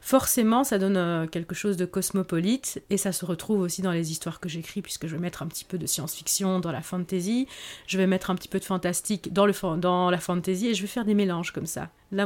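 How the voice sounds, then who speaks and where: A woman author, speaking in a podcast interview in a reflective way and often pausing on fillers. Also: fairly low pitch, darkish tone. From Belgium. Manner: reflective, hesitant with frequent fillers. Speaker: author guest.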